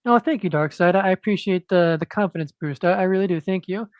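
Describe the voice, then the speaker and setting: A man with a high voice talks fast on a dry recording. Appearing as a comic book creator in a casual interview, he stays monotone and unsure, with frequent fillers and restarts.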